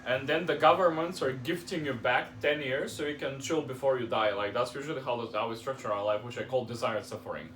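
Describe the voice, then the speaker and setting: A man's voice: medium pitch, a little fast, hardly any pauses, fairly bright tone, echoey room. A man from Bulgaria, a guest in a casual chat, rambling with lots of fillers.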